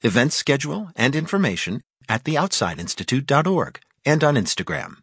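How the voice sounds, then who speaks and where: A man's voice: medium pitch, very animated, fairly quick, fairly bright tone, slightly rough, no echo, studio quality. A man with an American accent reading scripted sponsor announcements as a station announcer.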